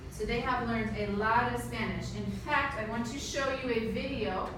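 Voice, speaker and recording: A woman with a fairly high voice teaches a class of language students at a moderate pace, often asking questions and checking in with "right?" in this interactive talk. The recording is noisy and echoey, picked up by a distant mic.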